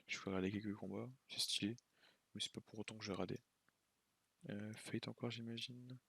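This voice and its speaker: A man's voice: fairly low pitch, fairly even intonation, fairly quick, creaky, a bit bright, husky, dry recording. A man giving casual, slangy, rambling commentary while ranking shows on a tier list, tired late at night. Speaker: YouTuber ranking anime.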